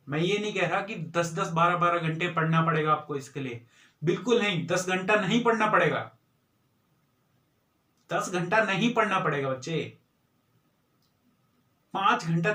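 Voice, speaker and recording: A man's voice: high voice, fairly bright tone, echoey room, distant mic. A young man giving earnest, repetitive study advice to students in a motivational talk. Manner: earnest, repeats points for emphasis.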